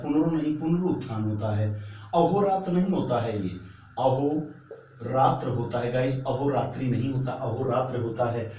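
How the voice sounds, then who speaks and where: A man's voice: medium pitch, mellow, slight background noise. Man drilling spelling in an echoey room. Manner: repetitive drilling, asks and answers his own questions. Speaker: teacher. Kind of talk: exam-prep spelling lesson. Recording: echoey room, mic at a distance.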